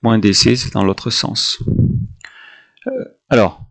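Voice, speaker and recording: Gravelly man teaching math step by step. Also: lowish voice, wildly swooping pitch, takes it slowly. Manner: talks through steps, counting grid squares aloud. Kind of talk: recorded homework correction.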